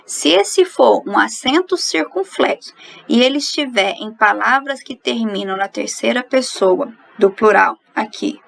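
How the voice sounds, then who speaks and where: A woman's voice: a little high, lively intonation, unhurried, vocal fry, fairly bright tone, poor audio. A woman teaching a recorded grammar lesson, explaining each rule and then asking and answering her own questions.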